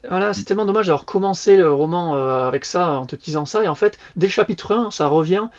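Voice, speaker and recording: A man with a somewhat high voice talks through a book review in a loose, lively way, dropping slang as he goes. The podcast audio sounds muffled and lo-fi. It feels like an easygoing chat among co-hosts. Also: fast. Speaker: podcast co-host.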